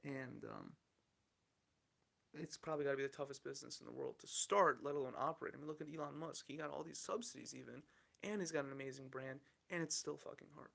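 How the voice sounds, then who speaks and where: A man's voice: medium pitch, fast talker, gravelly, fairly bright tone. A man in his thirties hosting a solo podcast, rambling candidly through the news and swearing casually. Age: 30s. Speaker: podcast host.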